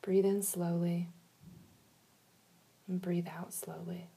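A woman leading a guided relaxation in a soft, soothing manner, giving slow instructions with long pauses. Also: lowish voice, level tone, gravelly, slightly rough.

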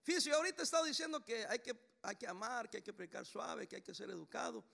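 Animated pastor with a gravelly voice. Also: male voice, sits high, fast talker. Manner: animated, acts out voices in storytelling. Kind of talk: sermon.

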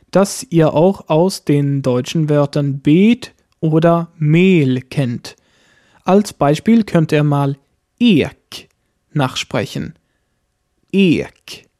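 Slow, mellow-voiced man teaching pronunciation. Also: fairly high pitch, dry recording, clean studio sound. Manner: slow, careful, model words spoken for repeating. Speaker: language teacher. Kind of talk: scripted language lesson.

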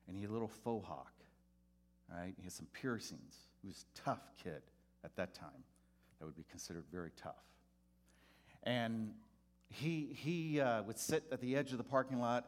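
A man preaching a sermon as a pastor, telling a personal story and loudly acting out the voices in it. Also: fairly low pitch. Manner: animated, acts out voices loudly in quotes.

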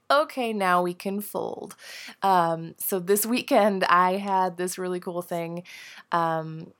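A woman in her thirties hosting a casual solo podcast from her home office, chatty and bubbly with frequent laughs, her voice nasal from a head cold. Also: fairly low pitch. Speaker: podcast host.

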